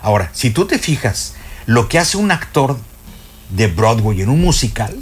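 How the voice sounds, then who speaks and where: An older man with a Mexican Spanish accent chats on a radio show from the studio as a music expert. His voice is mid-range, husky and sing-song at normal speed. His casual storytelling is full of fillers and restarts.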